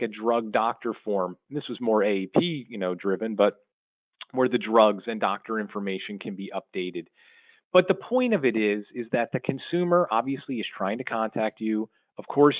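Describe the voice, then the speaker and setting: Speaking in a mid-range voice, a middle-aged man who hosts a podcast and works as a marketing consultant talks through advice in a casual, explanatory way, stressing his main points. The audio is muffled and phone-like, dry, with no sense of the room.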